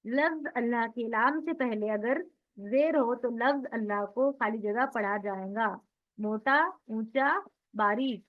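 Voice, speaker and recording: A woman teaching a tajweed lesson, explaining step by step and reciting Arabic example words slowly. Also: on the high side. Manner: explains step by step, often checks with "theek hai". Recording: tinny phone-line sound.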